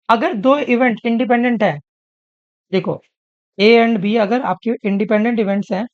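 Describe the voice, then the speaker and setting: Male tutor, Indian English accent, slow deliberate reading of questions, smooth voice, dry close sound. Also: very high-pitched, dry recording, lo-fi sound. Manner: explanatory, keeps checking in with "ठीक है?". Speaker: exam prep instructor. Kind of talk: online exam-prep lesson.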